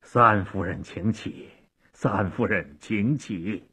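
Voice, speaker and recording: Gruff old official, man doing the voice, husky, talks slow, muffled old broadcast. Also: fairly low pitch, pushed and bright, pitched below the performer's own voice, exaggerated voice. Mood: gentle. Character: stern old male court elder, scolding. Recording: dull lo-fi radio recording.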